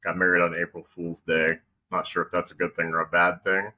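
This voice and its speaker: A man's voice: sits low, fairly quick. A man in his thirties, a podcast guest, talking casually and joking, with frequent ums. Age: 30s. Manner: relaxed, joking, hesitant with ums. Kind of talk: casual conversation.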